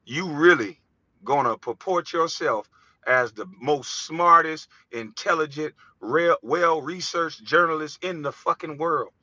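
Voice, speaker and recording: A man from the United States speaks in a hard, very bright voice with a touch of lift in his pitch. He rants in a heated, preachy, profane monologue. The recording is dry and a bit dull. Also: unhurried, dry recording. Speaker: vlogger. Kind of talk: impassioned monologue.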